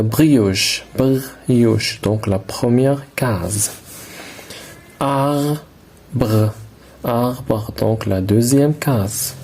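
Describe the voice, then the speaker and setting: A man teaching a primary school lesson. He speaks slowly and deliberately, repeating each word and breaking it into syllables. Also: lowish voice, vocal fry, mellow, a little hiss or hum. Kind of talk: slow classroom lesson.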